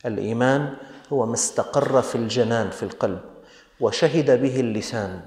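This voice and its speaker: A man's voice: medium pitch, fairly quick, darkish tone. A man with a Levantine Arabic accent preaching a sermon, scolding his listeners with pointed rhetorical questions. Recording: echoey hall.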